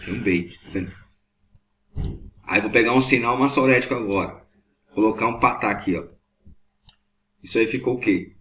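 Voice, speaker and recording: A man's voice: lowish voice, normal speed, long pauses, sharp tone. A man teaching a Hebrew class, patiently repeating each point and checking whether students follow. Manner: patient, repetitive, checks understanding often. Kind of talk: classroom lesson at a board.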